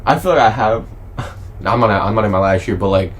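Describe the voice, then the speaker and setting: A man's voice: on the low side, moderate pace. Slangy young man saying bro. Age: 20s. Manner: slangy, says bro a lot, rambling. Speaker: podcast co-host. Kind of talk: casual chat.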